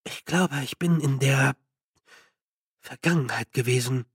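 A man's voice: high-pitched, lively intonation, unhurried, husky, no room sound, studio quality, pitched above the performer's own voice, heavily acted. Man doing a frantic, agitated young con man. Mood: rattled. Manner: agitated, breathless and pleading. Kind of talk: audiobook character voice.

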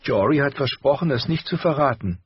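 A man voicing a stubborn, tearful young girl in an audiobook, speaking in a high, strained, husky voice with rushed outbursts. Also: animated, no room sound, highs cut off. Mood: ashamed. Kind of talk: audiobook character voice.

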